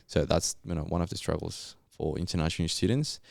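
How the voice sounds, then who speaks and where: In a clean, echo-free studio, a young geologist from Colombia, whose first language is Spanish, chats about his life on a podcast. His deep voice has vocal fry and moves a little fast, and his phrasing is laid-back and slangy in an Australian style.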